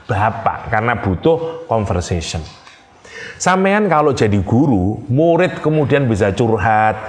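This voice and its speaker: A middle-aged man with an East Javanese accent, giving a conversational Quran commentary lecture and acting out the dialogues he tells. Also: fairly low pitch. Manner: conversational, acts out dialogues with lively voices. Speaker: Islamic preacher and lecturer.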